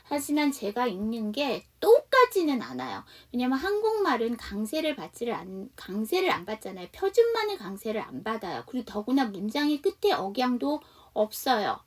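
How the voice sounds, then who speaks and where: A woman with a Seoul accent teaching an online English conversation lesson, patiently explaining and slowly modelling sentences. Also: fairly high pitch, wildly swooping pitch, recorded from a distance. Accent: Seoul Korean.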